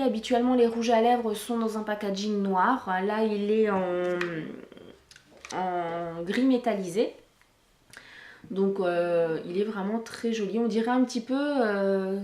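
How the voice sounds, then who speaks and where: A woman with a fairly high voice chats casually through a product review vlog, using lots of fillers and restarts. She talks into a camcorder microphone, and the sound is roomy.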